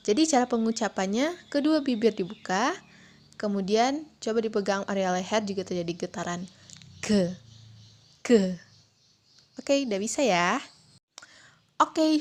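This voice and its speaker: A young adult woman giving a phonetics lesson, patiently repeating each sound slowly. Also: a little high. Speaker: teacher.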